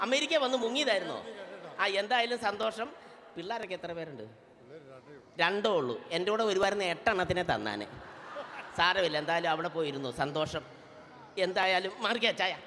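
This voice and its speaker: A man's voice: high-pitched, big pitch swings, fairly quick, pauses often, exaggerated voice. A man playing a brash, teasing middle-aged auntie, bossing the crowd around as a stage comedian and emcee. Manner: loud, bossy, teasing, calls people up to the stage. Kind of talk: live stage comedy with audience banter. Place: convention hall stage. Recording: reverberant convention hall PA.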